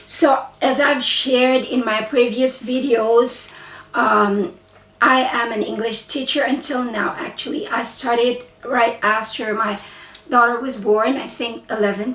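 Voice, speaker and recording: A woman from the Philippines, an English teacher and vlogger, speaks to camera in a chatty, unhurried, wandering style, regularly pausing to fix what she said. She has a Filipino accent and a slightly high, fairly bright voice, sounding far from the mic in a reverberant room.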